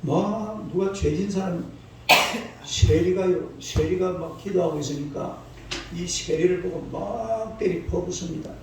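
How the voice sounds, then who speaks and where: A pastor in his sixties preaches a dawn sermon in a church sanctuary, folksy and scolding, prompting the congregation to call back. His voice is high-pitched, creaky, and a little slow, picked up by a distant mic in an echoey hall with faint noise.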